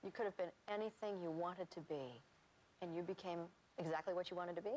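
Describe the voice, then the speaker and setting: A woman hosting a television talk show, asking measured, probing questions. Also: on the low side, darkish tone, slight background noise, rough recording. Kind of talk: television interview.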